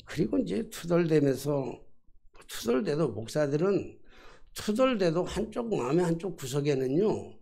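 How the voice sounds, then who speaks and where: A man's voice: fairly high pitch, big pitch swings, moderate pace, vocal fry, dark tone. A man in his sixties, a pastor preaching a sermon and telling a personal story, acting out his conversations with God. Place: church sanctuary.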